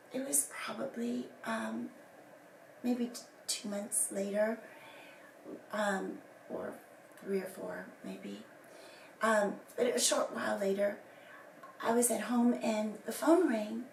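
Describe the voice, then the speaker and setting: A woman gives a casual personal statement to camera, her voice hoarse and whispery as she recovers from losing it. She speaks slowly in a mid-range, darkish voice, rambling with many fillers and restarts. The recording is made from a distance in an echoey, roomy space, with faint ambience and slight background noise.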